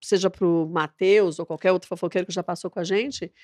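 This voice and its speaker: A woman, a TV presenter, chatting as a podcast guest and telling a story lively, acting out the dialogue. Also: on the low side, fairly quick, no room sound, clean studio sound. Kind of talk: casual interview chat.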